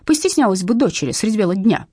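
Woman voicing a loud, jealous husband. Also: mid-range voice, expressive, fast, breathy edge, no echo, clean studio sound. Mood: accusing. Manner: loud, accusing, shouting.

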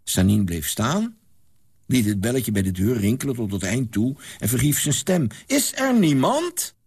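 Male reader, low husky voice with gravel, lively classic-novel narration. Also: moderate pace. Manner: expressive, animated storytelling. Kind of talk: dramatic reading of a classic novel.

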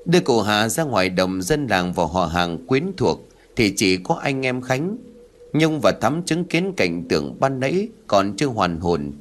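A man's voice: lowish voice, big pitch swings, a little slow. A man reading a ghost story aloud in a dramatic scripted narration.

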